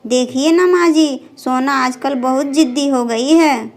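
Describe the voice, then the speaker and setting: A busy young mother , voiced by a woman, scolds firmly yet kindly in a doll storybook. The voice is high and paced slowly. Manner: firm, chiding but caring.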